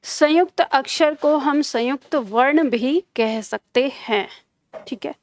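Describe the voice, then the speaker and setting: A young woman teaching a live online grammar class, patient, going over key terms slowly and checking that students follow. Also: high-pitched.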